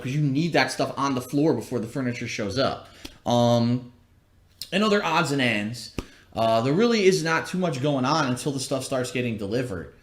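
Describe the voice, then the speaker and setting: A man streaming from a bare, newly moved-into house, his voice echoing like a cave off the empty rooms as he chats casually and rambles about his plans. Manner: rambling, plain-spoken. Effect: cavernous room echo from bare, unfurnished rooms. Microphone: laptop livestream. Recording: echoey empty room on a low-quality laptop stream.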